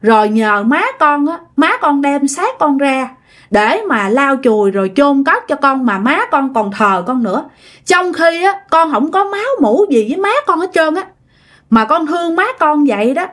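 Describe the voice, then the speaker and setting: Brief: woman doing a devoted young male ghost, Southern Vietnamese, raised-pitch plea, storybook telling. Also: animated, moderate pace, a bit bright. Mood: pleading. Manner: earnest, repetitive pleading.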